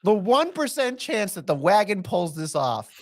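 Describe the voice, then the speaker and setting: A man co-hosting a podcast with joking, profane chatter. His voice is high and swings widely in pitch as he talks. It is a loose, casual conversation. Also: sing-song, normal speed. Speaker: podcast co-host. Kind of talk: casual wrestling chat.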